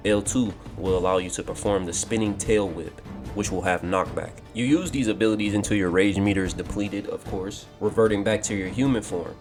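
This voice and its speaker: A man giving a scripted narration of a game story and walkthrough, steady and explanatory, over clear background music. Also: on the low side.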